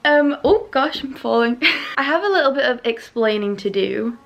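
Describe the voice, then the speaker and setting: A woman's voice: high-pitched, normal speed, vocal fry, fairly bright tone. A young woman talking casually and chattily like a fitness vlogger, rambling a little and repeating words for emphasis. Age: young adult. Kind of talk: casual chatty vlog and workout voiceover.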